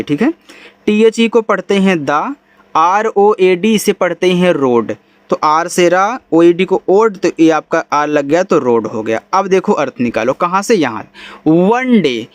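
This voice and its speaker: A man teaching English reading, spelling words letter by letter, then saying them slowly. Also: high voice, dry recording. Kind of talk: spelling-out phonics lesson.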